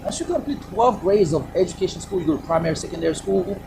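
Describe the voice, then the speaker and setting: On a video call for a virtual panel discussion, an Air Force operations director with a Haitian accent speaks passionately and emphatically, posing rhetorical questions. His voice is high with lively intonation, vocal fry and a quick pace, and there's background noise.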